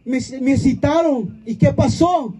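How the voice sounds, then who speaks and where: A man's voice: very high voice, takes it slowly, dark tone. A man giving an impassioned church testimony at an outdoor prayer vigil, calling out to the congregation like a preacher.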